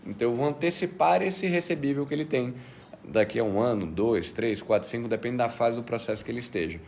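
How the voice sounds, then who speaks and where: A man from Bahia, a slightly hoarse guest on a podcast, explaining finance step by step. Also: mid-range voice, a little fast, darkish tone, a little hiss or hum. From Bahia, Brazil. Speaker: guest, fintech manager.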